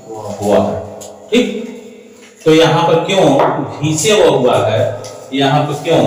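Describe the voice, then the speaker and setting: A man's voice: medium pitch, darkish tone. A man teaching spoken English, who repeats each word again and again and keeps asking the class questions. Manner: repeats words over and over, asks the class rhetorical questions. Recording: echoey hall, voice from far off.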